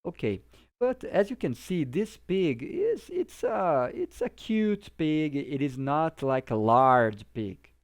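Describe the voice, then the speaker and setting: His voice runs on the high side, slow, with big swings in pitch. An English teacher from Brazil whose native tongue is Portuguese, he gives a casual vocabulary lesson, explaining simply and often confirming that the listener follows along.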